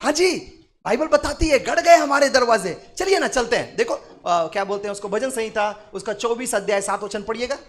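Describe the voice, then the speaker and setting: A man preaching a sermon at a night prayer meeting, repeating phrases and swinging from quiet murmurs to loud shouts as he calls out to the congregation. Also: extremely high pitch, expressive, brisk. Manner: repetitive, call-and-response with the congregation. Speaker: pastor. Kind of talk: Hindi sermon.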